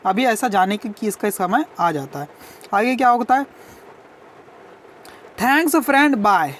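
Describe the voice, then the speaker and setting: A woman's voice: medium pitch, expressive, normal speed, a little hiss or hum. A woman teacher who explains an English lesson, asking questions, answering them herself and spelling words out letter by letter.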